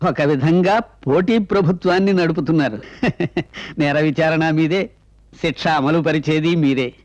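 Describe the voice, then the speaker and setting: An actor playing a smooth, flattering elected politician in a film drama. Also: male voice, on the high side, measured pace, no room sound, natural voice. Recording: dry, dull lo-fi film audio.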